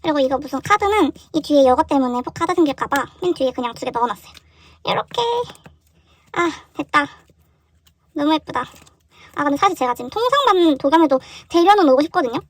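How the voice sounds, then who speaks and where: A young woman vlogging casually while unboxing, excitable and full of surprised exclamations. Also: high voice, fairly quick, no echo.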